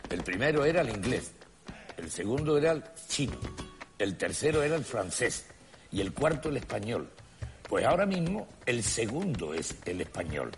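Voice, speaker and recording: A man, giving an emphatic, lecturing explanation. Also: mid-range voice. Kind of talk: explanatory talk. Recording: clip with loud music underneath.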